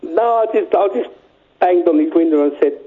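A man's voice: a little high, moderate pace. A man calling in to a radio show over a speakerphone line, cheeky and jokey, chuckling often as he chats. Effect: heard over a speakerphone line. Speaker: caller. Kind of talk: casual chat on a call-in radio show. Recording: tinny phone line.

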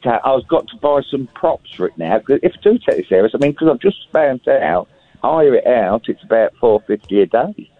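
A man tells a jokey story down the phone, his pitch swinging up and down a lot. The line is dry and tinny, with a narrow phone sound. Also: big pitch swings, moderate pace, no echo. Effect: heard over a phone line. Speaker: caller. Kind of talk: casual phone-in chat.

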